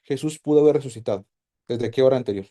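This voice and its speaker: A man teaching a Bible class, animated and quizzing his students with lots of questions. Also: mid-range voice, quick pace. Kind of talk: casual teaching to a group.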